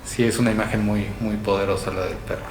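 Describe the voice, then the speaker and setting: A low-pitched man talks through ideas in a relaxed panel chat, checking in with short tag questions. His voice echoes in the room, and clear music plays underneath. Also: fast talker. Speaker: podcast co-host.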